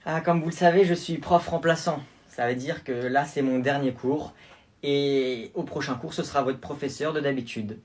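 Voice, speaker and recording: A man doing a soft-spoken substitute teacher. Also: mid-range voice, pitched below the performer's own voice, lightly acted. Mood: gentle. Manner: soft, unhurried classroom address. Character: gentle female substitute teacher on her last day.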